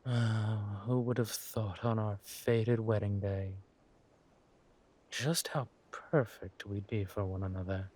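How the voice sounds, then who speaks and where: In an intimate audio drama, a man plays a suave villain king, his slightly low, darkish voice moving very slowly with halting pauses and purring hums over fairly even intonation. Confident and scheming, he is ruthless yet teasing and loving toward his wife.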